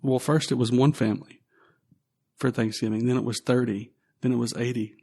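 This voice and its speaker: A man hosting a podcast interview, speaking earnestly and with emotion, in halting phrases. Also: medium pitch, steady tone, gravelly, mellow. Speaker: podcast host. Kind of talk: casual interview.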